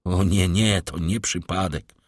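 A man voicing a frightened, anguished middle-aged noblewoman in an audiobook, in a high, pleading, trembling voice. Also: a little slow, husky, no room sound, clean studio sound. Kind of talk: audiobook character reading.

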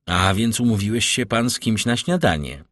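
A man reading the part of a calm, worldly nobleman who speaks with smooth, measured courtesy. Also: fairly low pitch, dry recording, studio quality. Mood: courteous. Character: suave worldly nobleman, calm and gently teasing. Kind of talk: audiobook character reading.

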